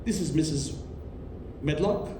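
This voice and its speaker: A man's voice: a little high, animated, measured pace. A man playing a formal, controlling doctor and guardian in a stage play, genteel and authoritative. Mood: courteous. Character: genteel, controlling doctor, uncle to orphan girl. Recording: distant, roomy stage recording, faint noise.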